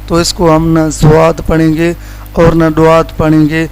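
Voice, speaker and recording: Male qaida teacher from Pakistan, monotone and slightly high, drawls out letter sounds, faint music behind. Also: clear, resonant tone, poor audio. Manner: drawls out each letter slowly as a model; plain explaining teacher tone. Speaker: Quran recitation teacher. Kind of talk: letter-by-letter pronunciation lesson.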